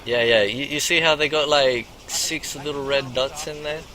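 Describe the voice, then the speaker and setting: A man's voice: mid-range voice, steady tone, normal speed, noisy background, lightly acted. A man voicing a boastful, swaggering pimp character in a game role-play, telling a rambling, profane story.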